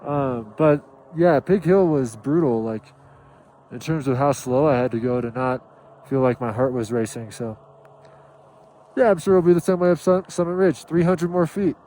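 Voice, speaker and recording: A man's voice: medium pitch, normal speed, mellow, rough recording. A winded man talking casually and plainly to camera as a climber on a vlog, upbeat and out of breath. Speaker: climber filming own expedition vlog. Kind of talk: casual selfie vlog chat. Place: outdoors on a high snowy mountain. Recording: outdoor ambient noise on camera mic.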